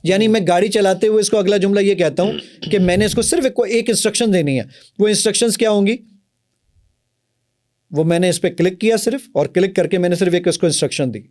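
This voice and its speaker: A man's voice: high voice, a little mellow. Eager Pakistani founder explaining his app. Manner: eager, explanatory, often agreeing emphatically. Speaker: app founder and software company owner. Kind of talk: interview, demonstrating an app.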